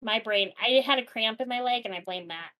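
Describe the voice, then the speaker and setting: High-voiced woman, laughing podcast host. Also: crowd noise, rough recording. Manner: laughs often, swears freely, quick asides. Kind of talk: casual chat.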